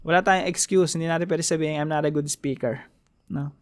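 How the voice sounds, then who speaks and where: A man from the Philippines giving a casual devotional talk, animated and chuckling between points, switching between Tagalog and English. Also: fairly high pitch, brisk, no echo. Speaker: devotion preacher.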